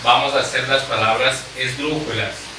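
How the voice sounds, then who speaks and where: A man teaching a grammar lesson at a board, speaking slowly and deliberately and repeating the key points. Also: medium pitch, fairly even intonation, background noise. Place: room with a board. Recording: echoey room, mic far off.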